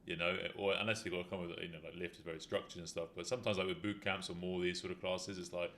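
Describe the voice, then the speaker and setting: A man's voice: sits low, flat delivery, quick pace, a bit bright, slight background noise. A man hosting a fitness talk show, explaining things in a rambling casual chat full of fillers. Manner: rambling, explanatory, many "you know" fillers. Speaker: fitness talk show host, injury rehab specialist.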